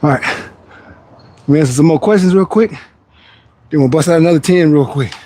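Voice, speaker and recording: A man in his forties talks in a relaxed, rambling way, answering chat questions between workout sets. His voice sits a little higher than most men's. It is casual livestream chat. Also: a little fast. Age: 40s. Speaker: fitness livestreamer.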